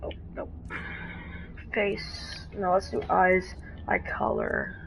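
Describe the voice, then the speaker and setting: Slow, creaky-voiced woman streaming a game. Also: fairly low pitch, huge pitch swings, fairly bright tone. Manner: rambling, halting, with frequent restarts. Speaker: gaming streamer. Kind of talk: casual live-stream commentary. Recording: dull lo-fi stream audio with faint noise.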